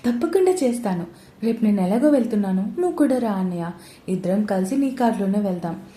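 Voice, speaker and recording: A woman's voice: medium pitch, roomy sound, natural voice. Woman reading as a feisty young wife. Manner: lively, quick to threaten.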